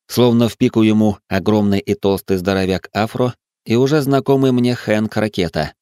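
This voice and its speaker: A man narrating a first-person audiobook in an even, steady way. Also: sits low, smooth, no room sound, studio quality.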